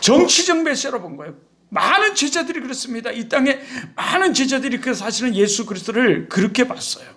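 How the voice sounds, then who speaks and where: A male pastor preaching a sermon in an animated, conversational way with rhetorical questions. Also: extremely high pitch, brisk.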